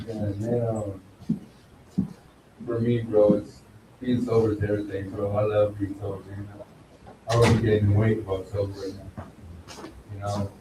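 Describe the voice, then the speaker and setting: A man's voice: fairly low pitch, echoey room, recorded from a distance, background noise. A man giving an earnest testimony to a recovery group, filling his talk with "man" and "bro". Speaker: recovery house resident.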